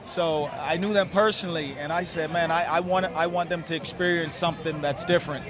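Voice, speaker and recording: A Bahamian nonprofit founder speaks earnestly and conversationally as a guest in an interview at an outdoor tailgate. His voice is fairly high and steady, fairly quick, with a crowd and loud music behind him.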